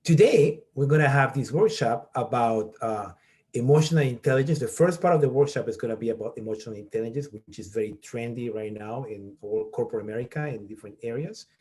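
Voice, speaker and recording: A middle-aged Peruvian man, a college professor, runs an online workshop, walking through material step by step and frequently asking "okay?" to check in. His mid-range voice moves a little fast and has a slightly mellow quality.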